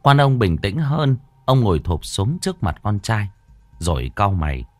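A man narrating a ghost story as a storyteller, slow and expressive. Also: on the low side, dry recording.

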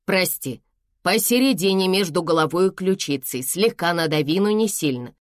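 A woman's voice: lowish voice, animated, moderate pace, dry recording, studio quality, lightly acted. Woman doing an icy, commanding doctor mother. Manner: curt, firm instructions.

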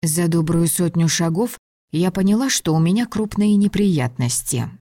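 A woman reading a first-person audiobook in an even, measured storytelling voice. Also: lowish voice, no room sound, clean studio sound. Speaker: audiobook narrator.

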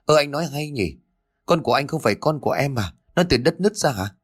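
A man's voice: fairly low pitch, lively intonation, moderate pace. A man voicing a worried mother who snaps at her husband and soothes her son. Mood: indignant. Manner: scolding, soothing. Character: worried mother, sharp-tongued then tender.

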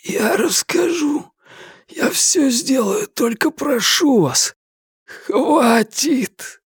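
A man's voice: very high voice, lively intonation, drawn-out words, darkish tone, slightly rough, no echo, studio quality, voice pushed up, heavily acted. A man voicing a young male prisoner under torture, crying and begging in a strained, breaking voice. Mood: broken, begging.

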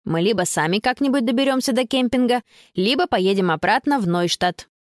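A woman voicing a cheeky, confident young girl in a storybook reading, talking quickly and teasingly. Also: fairly high pitch, expressive, no room sound, studio quality, lightly acted.

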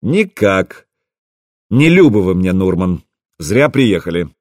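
A man voicing a proud, quick-tempered boyar commander in an audiobook, commanding and blustering. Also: low voice, very animated, no echo, studio quality, full character voice. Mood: cold. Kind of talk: audiobook character reading.

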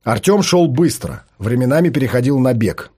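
A man narrating an audiobook in an expressive storytelling manner. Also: medium pitch, moderate pace, husky. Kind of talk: scripted narration.

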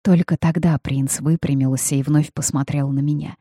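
Mellow, husky audiobook narrator. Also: medium pitch, steady tone, moderate pace, no echo, clean studio sound.

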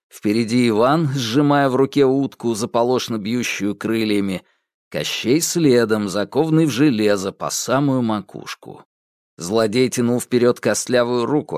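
A man narrating a fairy tale audiobook, expressive and acting out voices. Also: mid-range voice, no room sound, clean studio sound. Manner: expressive storytelling, acts out voices.

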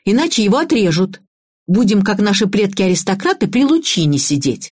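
A woman's voice: medium pitch, very animated, a little fast, darkish tone, breathy edge. A woman voicing a headstrong, cynical young woman who speaks bluntly and scornfully.

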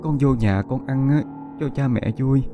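A man voicing an older grieving mother with a worried, gently coaxing manner. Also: mid-range voice, moderate pace, lo-fi sound, soft background music, voice pushed up, close to an everyday voice. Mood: tender.

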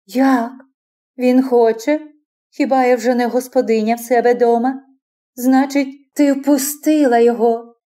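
A woman's voice: fairly high pitch, flat delivery, unhurried, dark tone, lightly acted. A woman reading the part of a passionate young woman who turns from imperious to pleading, in an audiobook.

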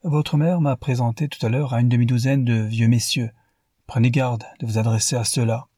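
A man's voice: mid-range voice, fairly even intonation, normal speed, dark tone, breathy edge, dry recording, clean studio sound, lightly acted. A man voicing a cheerful, straightforward American man in an audiobook, with a frank manner.

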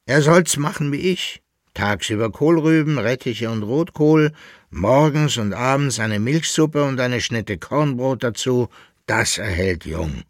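A man's voice: mid-range voice, animated, a little slow, no echo, clean studio sound, natural voice. A man voicing a quarrelsome old gardener who scolds his son in a radio reading. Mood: boastful. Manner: grumbling, scolding.

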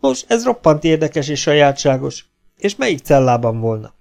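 A man's voice: a little high, sing-song, gravelly, darkish tone, voice pushed up. A man reading an audiobook, voicing a courteous, formal asylum doctor. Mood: polite. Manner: polite, formal.

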